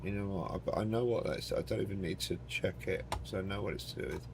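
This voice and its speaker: Loud in-game engine noise backs a deep-voiced, brisk man as he livestreams a flight simulator. He offers casual commentary, thinking aloud to himself and his chat while joking and swearing.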